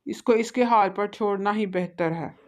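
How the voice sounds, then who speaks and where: A woman's voice: medium pitch, normal speed, close to an everyday voice. Woman doing a preachy cartoon parrot, stern and disapproving. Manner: disapproving, lecturing. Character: stern, judgmental male parrot. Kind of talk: cartoon voice acting.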